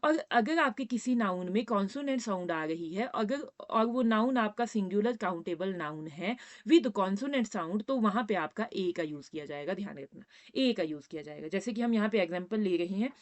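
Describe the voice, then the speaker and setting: A woman's voice: medium pitch, animated, normal speed, hardly any pauses. A woman teaching a grammar lesson, patiently repeating points and checking in with her students. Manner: addresses students as "बेटा".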